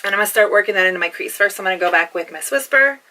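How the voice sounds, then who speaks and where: Rapid-fire and animated, this woman's medium-pitched voice has a sharp tone. She's a beauty vlogger doing a makeup tutorial at home, gushing chattily through step-by-step instructions.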